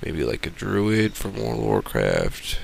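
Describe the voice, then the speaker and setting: A man with a lowish, gravelly voice talks over gameplay footage. His commentary is casual, rambling and sarcastic, and it is peppered with profanity. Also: sing-song, a little slow.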